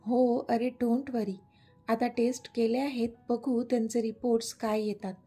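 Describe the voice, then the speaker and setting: A woman voicing a calm male family doctor who gives measured advice. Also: a little high, husky, faint music behind. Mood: reassuring. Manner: measured, advising.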